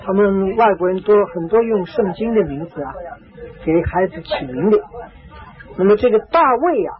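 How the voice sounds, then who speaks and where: A man preaching a storytelling sermon, repeating phrases for emphasis and filling pauses with drawn-out "ah"s. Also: high-pitched, animated. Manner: repetitive, emphatic, frequent drawn-out "ah" fillers. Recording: tinny phone-like lo-fi recording.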